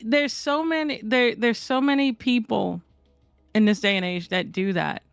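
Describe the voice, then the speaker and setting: A woman's voice: on the high side, unhurried, vocal fry, clean tone, dry recording, faint music behind. A woman in casual conversation, speaking bluntly and swearing freely as she tells stories. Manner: candid, blunt, swears freely, animated storyteller. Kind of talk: casual chat.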